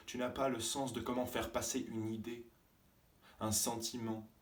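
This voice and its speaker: A male stage actor delivering a theatrical monologue as a fiery young man with a strong voice, his tone moving between measured recall and angry outbursts. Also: mid-range voice, level tone, natural voice. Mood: furious. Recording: roomy stage sound from a distance.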